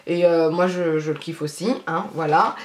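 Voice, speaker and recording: A woman's voice: low voice, fairly even intonation, normal speed, a crowd in the background. Chatty woman vlogger in an echoey room. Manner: chatty, rambling, self-mocking. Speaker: beauty vlogger. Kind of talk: casual product haul chat.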